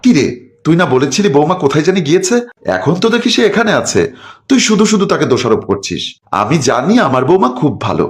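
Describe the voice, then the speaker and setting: Man doing a high-pitched old mother, fussing, loud, storybook voice. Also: very animated, fairly quick. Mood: scolding. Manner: high, fussing, calls out loudly. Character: elderly mother, trusting and scolding.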